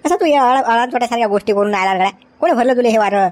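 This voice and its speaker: A woman, playing a flustered middle-aged village uncle who scolds excitably. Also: a little high, very fast, close to an everyday voice. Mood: scolding.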